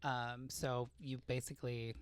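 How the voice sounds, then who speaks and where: A woman's voice: extremely low pitch, little pitch movement, measured pace, clear, resonant tone, dry recording. A young woman co-hosting a podcast, chatting casually and full of filler words. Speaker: podcast co-host. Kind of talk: casual chat.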